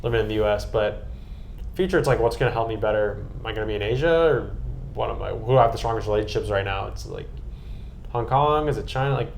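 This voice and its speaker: An American man, guesting and co-hosting on a podcast, recaps a trip in a casual, earnest, enthusiastic way. His voice is on the low side, quick, with vocal fry, and there's slight background noise.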